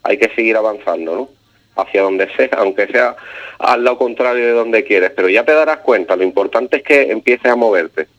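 A man's voice: lowish voice, moderate pace, fairly bright tone. Hesitant man telling stories over a dull phone line. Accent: Andalusian Spanish. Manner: hesitant, many fillers and restarts. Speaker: radio guest telling stories. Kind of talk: casual storytelling on radio.

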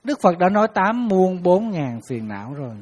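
A man, a Buddhist monk giving a dharma talk, telling lively stories and acting out the people who call him. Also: moderate pace, long reverb tail. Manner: lively storytelling, acting out callers with sudden high bursts. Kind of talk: sermon.

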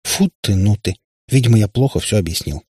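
A man's voice: on the low side, expressive, fairly quick, a little mellow, breathy edge, no room sound, clean studio sound. A man voicing a sad warlock father who rambles in pompous explanations. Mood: weary. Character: male warlock father, sad and long-winded.

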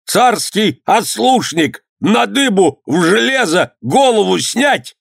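A man voicing a furious, pompous old provincial governor who shrieks in a high, drawn-out voice. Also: very animated, gravelly, slightly rough, no echo, clean studio sound, heavily acted. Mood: shrieking.

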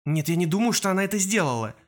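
A man's voice: sits high, animated, rapid-fire, voice pushed up. A man reading an audiobook voices a scared teenage boy mage who talks anxiously and stammers. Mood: worried.

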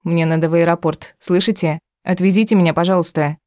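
A woman's voice: lowish voice, fairly even intonation, brisk, darkish tone, no room sound, studio quality, lightly acted. A woman voicing a spiteful, tearful wife in an audiobook, alternately pleading and lashing out. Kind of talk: audiobook character reading.

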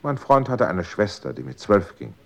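A man's voice: on the low side, big pitch swings, moderate pace. An actor playing an anxious, pleading man in a 1960s radio drama.

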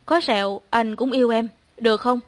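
A tender young man, read by a female storyteller, soft and coaxing as he pleads and comforts. Her fairly high voice barely changes for him. The sound is dry and close. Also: normal speed, no echo, natural voice. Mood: tender, pleading.

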